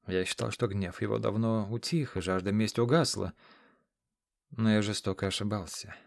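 A man's voice: on the low side, fairly even intonation, normal speed, vocal fry, no room sound, studio quality. A man reading a grave exiled king.

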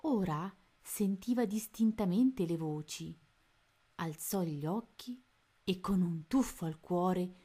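A woman narrating a children's storybook aloud at a gentle, unhurried pace. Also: on the low side, husky. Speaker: reader of children's books.

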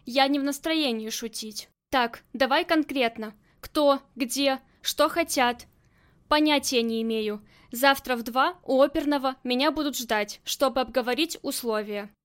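A woman reading as a hard, cold-blooded female gang boss who talks in curt, commanding lines, her voice high. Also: unhurried. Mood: firm.

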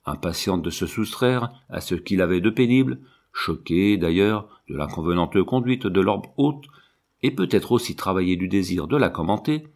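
Low-voiced man reading a novel. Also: darkish tone. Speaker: audiobook reader. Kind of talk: scripted narration of a classic novel.

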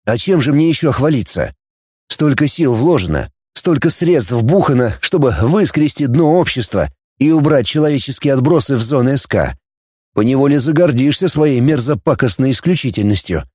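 A man's voice: mid-range voice, lively intonation, normal speed, a little mellow, breathy edge, no room sound, clean studio sound. A man playing a cynical, blunt male outcast who talks in a sardonic, scornful way.

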